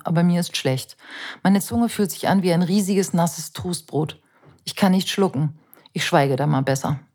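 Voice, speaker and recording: Husky woman reading an anxious memoir. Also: fairly low pitch, darkish tone. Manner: introspective, anxious, measured. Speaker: narrator. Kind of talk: reading a personal memoir aloud.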